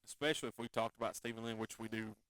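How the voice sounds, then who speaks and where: A man's voice: lowish voice, steady tone, very fast, a bit bright. A man from the hosting a casual chat show, joking around and repeating phrases. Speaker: podcast host.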